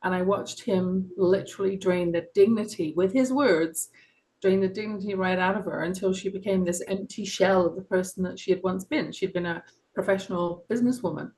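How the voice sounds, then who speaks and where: A middle-aged author from England with a London English accent tells her story as an interview guest, earnestly and passionately, with soft laughs and frequent ums. Her mid-range voice is brisk, the audio is poor, and the talk is reflective and personal.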